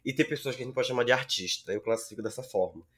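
A man's voice: medium pitch, rapid-fire, fairly bright tone, breathy edge. A man co-hosting a podcast, chatting casually with slang and frequent swearing. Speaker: podcast co-host. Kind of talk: casual chat.

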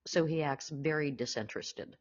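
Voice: medium pitch, normal speed. A podcast co-host casually discussing a classic film, often quoting lines and laughing. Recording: dull lo-fi audio.

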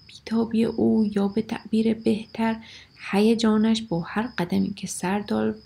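Gravelly-voiced woman reading a storybook. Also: medium pitch. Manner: expressive, drops to whispers and rises for shouted lines.

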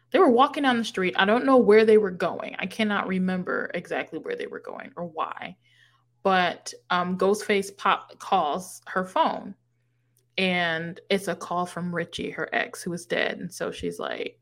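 A chatty podcast co-host with a medium-pitched voice recaps a movie in casual conversation. She tells the story with animation, acts out the characters' lines, and swears casually.

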